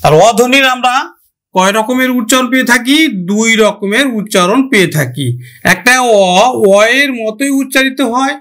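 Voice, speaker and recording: High-voiced man teaching a grammar lesson. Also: a bit bright. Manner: slow, drawn-out pronunciation of example words; asks the listener questions, then answers them.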